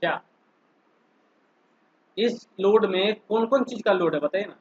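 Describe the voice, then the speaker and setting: A man's voice: high-pitched, a little mellow, husky, lo-fi sound. A man teaching an online engineering class, working through each step and keeping the students involved with frequent questions. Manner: slow, stepwise, keeps asking students questions. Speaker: polytechnic lecturer.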